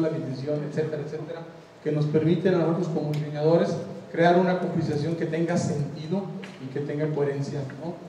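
This is an older man with a Mexican Spanish accent presenting a conversational design lecture at a conference and frequently checking the audience follows along. His voice sits a little high and sounds mellow. He holds a handheld mic in a large seated hall, so the recording echoes from afar, with slight background noise.

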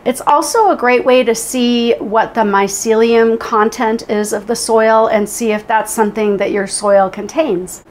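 In her home kitchen, a woman in her forties who co-hosts a homesteading channel delivers a scripted explainer straight to camera, friendly and upbeat. Her voice is a little high, with slight background noise.

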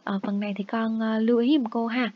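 A woman teacher giving a review lesson to young children. Her voice sits a little high, and she is patient and coaxing as she says each English word slowly and repeats it. The recording sounds muffled and lo-fi. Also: fairly even intonation.

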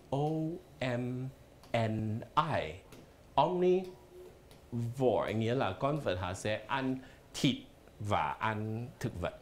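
A man's voice: mid-range voice, slight background noise. A man teaching a live televised language lesson in a studio, explaining patiently and spelling words out letter by letter. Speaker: English teacher.

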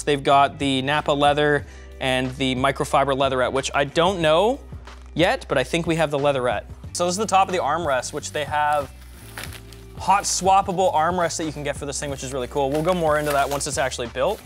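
A young man with a slightly higher-pitched voice talks casually through a product unboxing. He is upbeat and jokey, thinking aloud as he handles each part. Faint music plays underneath. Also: a bit bright. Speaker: tech unboxing host.

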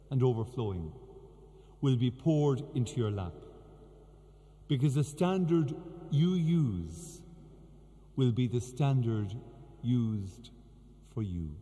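A man, a bishop reading the Gospel and preaching slowly and solemnly, heard with a cathedral echo. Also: mid-range voice, warm tone. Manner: slow, measured, solemn delivery. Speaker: bishop celebrating Mass. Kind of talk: liturgical reading and homily. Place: large cathedral. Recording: long cathedral reverb.

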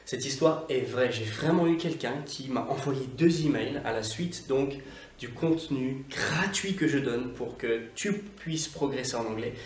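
A man teaching English in a casual video lesson, talking in a chatty way with many fillers and slowly drawing out the English example phrases. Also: medium pitch, roomy sound, far from the mic, a little hiss or hum.

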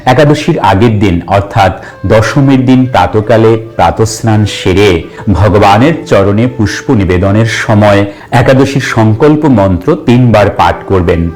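A man reading a devotional scripture passage in a slow, measured, recited way. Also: fairly low pitch, a little mellow. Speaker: religious narrator.

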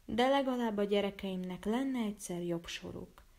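A woman's voice: medium pitch, a little mellow, close to an everyday voice. A woman voicing a stern, overworked poor father who speaks grimly. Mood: bitter.

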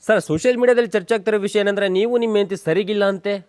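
A man's voice: sits high, racing, over loud music. A man with a Kannada accent playing a pushy, scolding part in a comedy skit.

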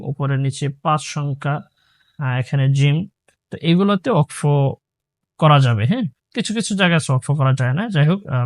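A man leads a recitation lesson, calling out letters and vowel marks one by one before chanting the whole word. His voice is smooth and resonant, the pace unhurried. The recording is dry and close. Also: a little high, no echo. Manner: spells out each syllable, then chants the word slowly and drawn out. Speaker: Quran recitation teacher.

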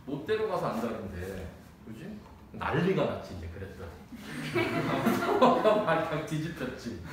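A man's voice: medium pitch, wildly swooping pitch, measured pace. A man teaching math in a casual lecture, telling a personal story in blunt, slangy language and laughing often. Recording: echoey room, distant mic, noisy.

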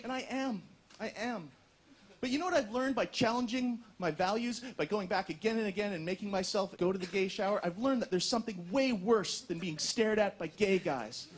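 A man doing a stand-up comedy set on stage, with animated, self-mocking, punchy delivery. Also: high voice, fairly quick, few pauses, slightly rough. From Canada. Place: comedy stage before a live audience. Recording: live show with audience laughter and noise.

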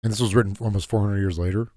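A man co-hosting a casual podcast, answering with short reactions and quick questions. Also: fairly low pitch, steady tone, mellow, no echo, studio quality. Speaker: podcast co-host.

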